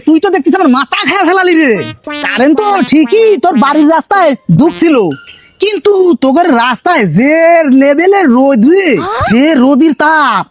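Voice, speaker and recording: A man playing a smooth-talking village swindler in a comic drama, spinning drawn-out excuses. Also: very high voice, lively intonation, faint music behind. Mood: blustering. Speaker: con man selling fake electricity.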